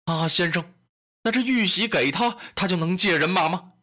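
A man's voice: high-pitched, normal speed, bright, forceful tone. A man voicing a proud young general who speaks earnestly and respectfully. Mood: aggrieved.

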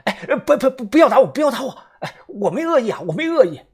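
A man's voice: high voice, sing-song, fairly quick, darkish tone, breathy edge, exaggerated voice. A man putting on a stammering scared hermit. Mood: pleading. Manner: stammering, pleading. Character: scared ragged hermit man, middle-aged.

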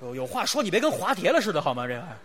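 Male crosstalk comedian, wry foil, very lively pitch, slow couplet recitals, live hall echo. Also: crowd noise. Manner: wry straight man, teasing retorts, recites couplets slowly. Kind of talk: xiangsheng crosstalk performance.

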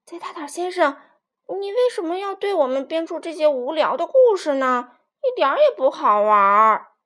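A woman's voice: very high-pitched, big pitch swings, normal speed, a bit bright, pitched above the performer's own voice, heavily acted. A woman voicing a curious young chick who asks a lot of questions.

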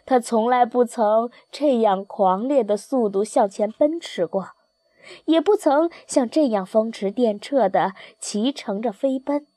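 A woman reading a children's storybook aloud in a gentle, expressive storytelling manner. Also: a little high, unhurried, no echo. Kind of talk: scripted children's story narration.

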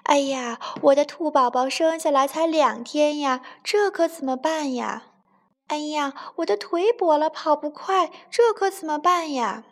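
A woman's voice: high voice, a little slow, voice pushed up. A woman voicing worried rabbit villagers in a children's storybook, wailing fretfully.

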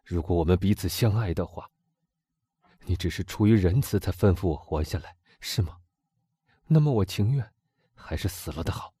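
Fervent young lover guy, read by a man, urgent and pleading, husky low voice that swings all over. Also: animated, normal speed, long pauses, dark tone, no room sound, studio quality. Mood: despairing. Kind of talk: audiobook character reading.

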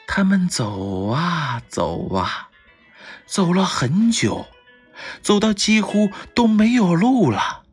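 A storyteller slowly reading a children's storybook aloud, with a gentle, breathy voice. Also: soft background music. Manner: slow, gentle, lively pitch with voiced characters.

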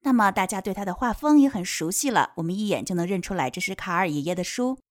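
Woman, patient teacher, bilingual read-aloud lesson, slow repeated words, dry close sound. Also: medium pitch, lively intonation, dry recording. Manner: patient, explains pronunciation step by step, repeats words slowly. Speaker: English picture-book teacher.

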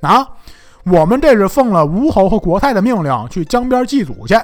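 A proud, fierce young noblewoman who lashes out with sharp, imperious scolding, played by a man telling the story. The voice sits high and swoops widely, spoken over faint music. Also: sing-song, moderate pace.

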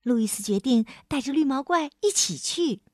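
A woman narrating a children's storybook in an expressive manner, stretching her sentence-final particles. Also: high voice, normal speed, no room sound, studio quality.

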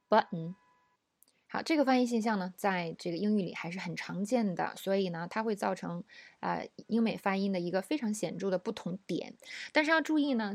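Female pronunciation teacher, middle pitch, dry close sound, patient explaining and clear model words. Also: darkish tone, no echo. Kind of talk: recorded language lesson.

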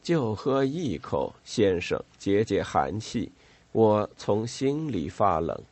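A man reading an audiobook voices a hoarse, cringing river guide who sobs, stammers and begs for a drink. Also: fairly low pitch, big pitch swings, slow, a little mellow, no room sound, exaggerated voice. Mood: begging. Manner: sobbing, pleading and stammering.

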